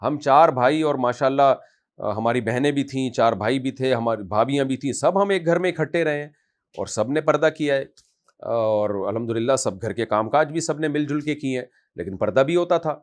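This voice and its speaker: A man of middle pitch gives a religious question-and-answer talk as an Islamic scholar. He speaks in a conversational way that turns forceful and scolding.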